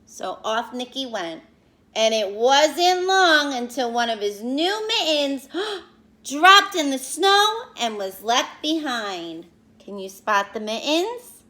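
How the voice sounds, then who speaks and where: Stopping now and then to explain and pose questions, a woman whose voice sits high reads a picture book to small children in a lively, teacher-like manner.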